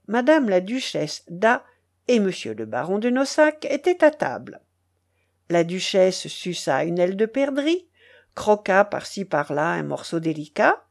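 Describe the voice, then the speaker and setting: A woman reading a classic story aloud as an audiobook, with measured, expressive storytelling. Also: medium pitch. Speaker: reader. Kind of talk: audiobook narration.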